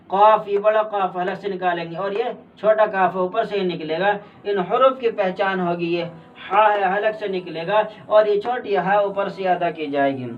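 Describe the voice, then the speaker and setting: A man teaching beginners to read Quranic letters, explaining patiently and sounding letters out loud one by one, with an Indian Urdu accent. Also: sits high, recorded from a distance, dull audio, slight background noise. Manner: patient, repeats letters slowly and loudly. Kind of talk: explanatory lesson.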